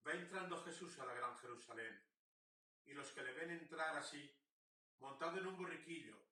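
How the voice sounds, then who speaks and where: A man giving a slow, meditative gospel reflection in a prayerful way, letting his voice sink softly at the ends of lines. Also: on the high side. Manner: slow, prayerful, with soft dips on line endings. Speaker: preacher. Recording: roomy echo, mic at a distance.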